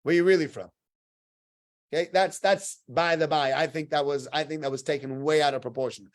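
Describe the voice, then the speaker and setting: Man, rabbi's torah class, higher-pitched voice, asks questions, acts out dialogues. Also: fairly even intonation, fairly quick. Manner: conversational, rhetorical questions, acts out quoted exchanges. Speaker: rabbi teaching weekly Torah portion. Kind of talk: informal Torah class to a small group. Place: synagogue room with listeners.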